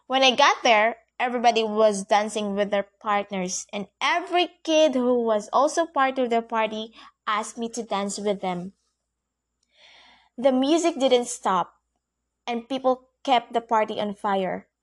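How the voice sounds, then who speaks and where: A woman narrates a first-person fantasy tale at an unhurried, deliberate pace. Her voice sits a little high, and her telling is earnest and wide-eyed, with frequent grammar slips. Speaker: storyteller.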